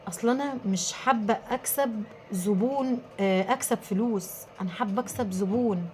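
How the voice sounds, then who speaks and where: An Egyptian woman who runs a small business, giving emphatic, animated advice straight to her viewers. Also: medium pitch, normal speed, slight background noise.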